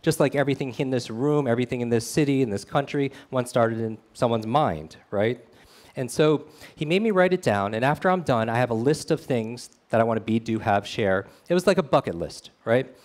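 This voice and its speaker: A man's voice: medium pitch, animated, a little fast, a little mellow. A man giving a motivational storytelling talk at a meetup, earnest and speaking straight to the audience.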